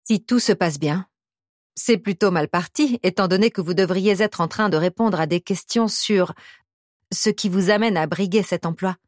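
A woman narrating a novel in the first person, measured and intimate with a wry edge. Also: fairly low pitch, no echo, studio quality. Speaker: audiobook narrator.

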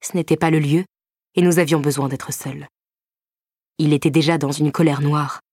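A woman narrates a first-person romance novel in a low, even voice. Her reading is measured and intimate, carrying quiet tension. The close, dry studio sound leaves no room echo. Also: breathy edge. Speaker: audiobook narrator.

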